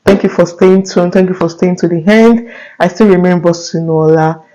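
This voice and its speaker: High-voiced Nigerian man vlogging. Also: fairly even intonation, normal speed, mellow, dull audio. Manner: earnest, with frequent "right?" and restarts. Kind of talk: casual talk to camera.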